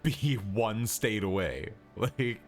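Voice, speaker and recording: A man's voice: on the low side, expressive, takes it slowly. A man from Wisconsin with a city Midwest accent, rambling casually with lots of fillers and laughs while streaming a game. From Wisconsin, United States. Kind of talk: casual gaming stream commentary. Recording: game music playing underneath.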